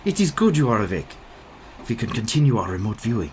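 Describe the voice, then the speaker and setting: An actor playing an old, determined professor and vampire hunter in a radio play, formal and deliberate. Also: male voice, fairly low pitch, very animated, a little mellow, a little hiss or hum. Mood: insistent.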